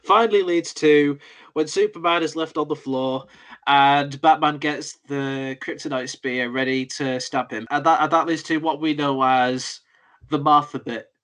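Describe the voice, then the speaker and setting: A man's voice: fairly high pitch, steady tone, measured pace, fairly bright tone. A young man co-hosting a radio film show, talking casually and hesitantly with many fillers and restarts.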